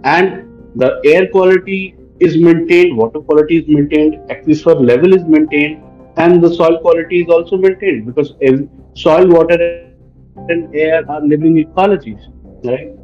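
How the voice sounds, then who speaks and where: A man's voice: on the high side, normal speed, dull audio, soft background music. A middle-aged man with an Indian accent explaining his work earnestly as an expert on a panel.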